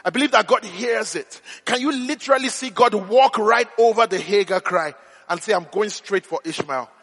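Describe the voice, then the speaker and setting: A man preaching a sermon with impassioned, repeated rhetorical questions that rise to shouted appeals. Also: high voice, moderate pace, breathy edge.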